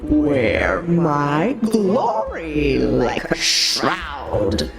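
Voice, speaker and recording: A woman voicing an ancient divine being that grants power, speaking in a booming voice with heavy echo, solemn and grave. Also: big pitch swings, drawn-out words, gravelly, exaggerated voice. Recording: echoey, with music behind.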